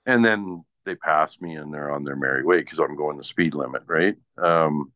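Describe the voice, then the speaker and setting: A radio presenter with a Canadian accent chats casually, ranting through blunt, profane, exasperated anecdotes. His voice is a rumbling low, at a moderate pace. The audio is dull and lo-fi, recorded in an echoey room.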